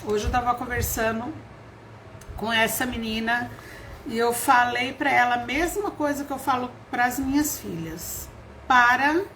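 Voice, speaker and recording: A woman's voice: a little high, unhurried, fairly bright tone, slight background noise. A middle-aged woman with a Brazilian Portuguese accent preaching an informal sermon, chatty and storytelling, acting out quoted voices and laughing often.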